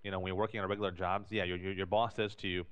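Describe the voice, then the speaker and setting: Man with a lowish voice who explains things fast, lots of restarts. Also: flat delivery, clean tone. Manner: explanatory, repeats and restarts phrases. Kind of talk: casual podcast talk. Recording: dull lo-fi recording.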